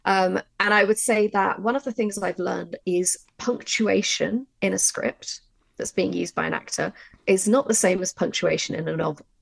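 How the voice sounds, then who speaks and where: A woman audio drama writer runs a conversational workshop discussion, speaking with emphasis and illustrating ideas with examples. Her voice is medium in pitch and moderately paced, with vocal fry and a breathy edge.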